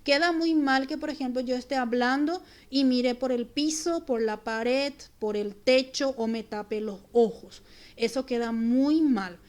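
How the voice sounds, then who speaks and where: A woman teacher, giving a recorded class in a clear, deliberate way with examples. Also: high voice, darkish tone. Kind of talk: recorded remote class lesson.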